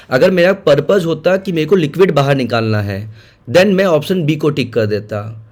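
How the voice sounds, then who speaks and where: A man with a slightly high voice, explaining exam questions one by one. He repeats the key points and slips English terms into his sentences, like a tutor going over answers. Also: darkish tone. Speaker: teacher.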